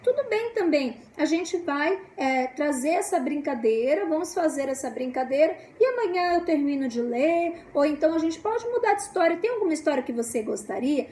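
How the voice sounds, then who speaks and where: Woman, Brazilian accent, high-pitched, casual instructional talk, asks "né?" often. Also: darkish tone. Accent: Brazilian Portuguese. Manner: explains with frequent "né?" and "tá?" checks; acts out the scolding parent in a shrill, raised voice. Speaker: psychopedagogue giving parenting tips. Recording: echoey room, faint background noise.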